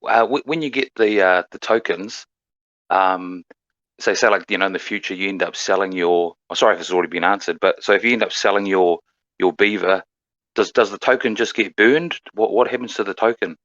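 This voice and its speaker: A man's voice: low-pitched, a little fast, fairly bright tone, dry recording, muffled recording. A man with a New Zealand accent chatting casually as a caller, friendly, appreciative and slangy. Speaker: caller asking a question. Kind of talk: casual chat.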